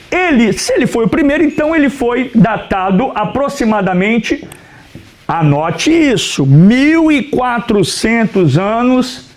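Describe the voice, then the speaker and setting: A pastor teaching a Bible class to his students in a lecture style. His voice sits high and swings widely, rising and falling as he asks questions and answers them himself. He keeps telling the class to write notes and now and then turns away from the mic toward the board. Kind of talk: classroom lecture on the Old Testament.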